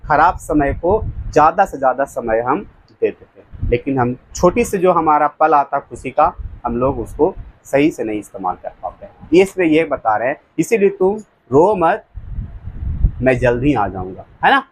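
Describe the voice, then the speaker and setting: A male teacher giving a lecture, reading lines of an English poem very slowly and then explaining them with jokes and chuckles. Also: fairly high pitch, big pitch swings, slightly rough, rough recording.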